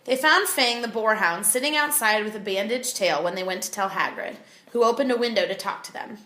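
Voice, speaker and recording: A woman reading a children's novel aloud, with expressive, clear storytelling. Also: medium pitch, a little fast, reverberant. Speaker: audiobook reader.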